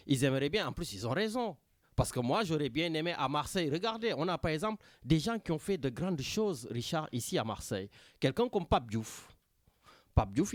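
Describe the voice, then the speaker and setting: A man's voice: a little high, no echo. A man with a Senegalese French accent hosting a talk radio show from a studio, talking animatedly and often turning to his co-host by name. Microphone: studio microphone.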